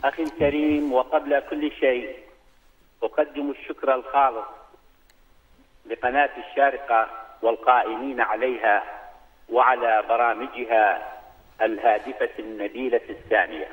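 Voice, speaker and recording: A man's voice: medium pitch, steady tone, moderate pace, long pauses. A man on a phone call, giving a formal greeting and then reciting a poem in a declamatory manner. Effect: heard over a phone line. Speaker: phone-in guest poet. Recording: tinny phone line.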